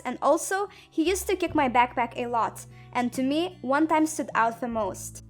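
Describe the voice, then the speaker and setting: Soft music plays under a young Lithuanian woman's sarcastic storytime narration. She speaks Lithuanian as her first language, has a high voice, and, as both animator and narrator of this comedic animated story, comes across as dramatic and self-mocking.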